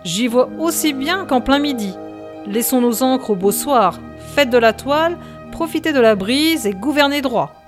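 A woman voicing an old male sea pilot, grave and commanding, who speaks in firm, steady orders. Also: high-pitched, a little slow, music in the background, voice pushed up.

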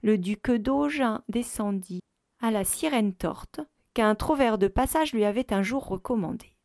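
Slow, dry-sounding woman narrator. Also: fairly high pitch, lively intonation, darkish tone, no room sound. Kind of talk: audiobook narration.

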